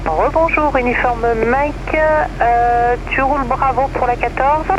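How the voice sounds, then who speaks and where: A woman air traffic controller giving clearances in radio phraseology, heard through an aviation radio. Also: high-pitched, steady tone, measured pace. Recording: muffled aircraft radio with loud cockpit noise. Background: aircraft engine drone.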